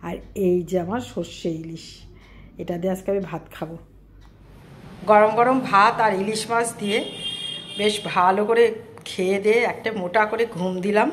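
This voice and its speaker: A middle-aged woman vlogger chats casually and directly to viewers in a home vlog, speaking in a mid-range voice at a moderate pace with frequent pauses. The recording has a roomy echo and faint ambient noise.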